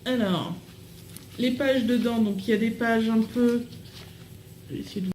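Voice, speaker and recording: Chatty higher-pitched woman in an echoey room. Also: steady tone, measured pace, mellow, a little hiss or hum. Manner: chatty, bubbly, trails off into fillers. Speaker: vlogger unboxing a swap package. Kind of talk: casual chat to camera.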